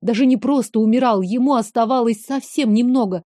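Dark-toned woman reading a fantasy audiobook. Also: fairly high pitch, brisk, no echo, clean studio sound. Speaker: audiobook narrator. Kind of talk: first-person fantasy audiobook narration.

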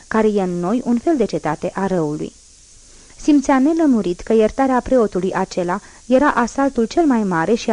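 A woman audiobook narrator reading a classic novel in a measured, solemn manner. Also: mid-range voice, dark tone, no echo, rough recording. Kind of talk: scripted literary narration.

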